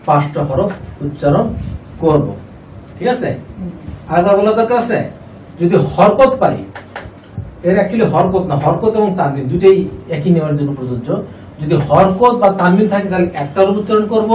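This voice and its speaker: Man, fairly high voice, classroom Quran lesson, asks and repeats, draws out syllables, echoey room from a distance. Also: darkish tone, slight background noise. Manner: asks students questions and repeats answers; drawn-out chanting of syllables. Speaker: Quran reading teacher. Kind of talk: classroom lesson with call and response.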